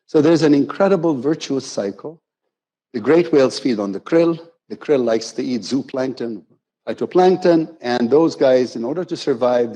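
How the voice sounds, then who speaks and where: Mellow-voiced man giving a playful keynote. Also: mid-range voice, poor audio. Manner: conversational and playful, with self-corrections. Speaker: conference keynote speaker. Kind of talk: conference keynote talk. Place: conference hall.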